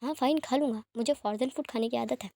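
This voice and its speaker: A woman voicing a calm, protective young man who speaks in a measured, soothing way. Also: a little high, no room sound. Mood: matter-of-fact.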